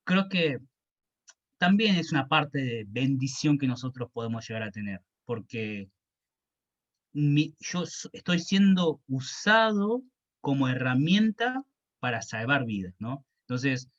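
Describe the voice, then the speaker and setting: A man giving a personal faith testimony, halting and reflective, often repeating words. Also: medium pitch, very animated, fairly bright tone, highs cut off. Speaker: student evangelist.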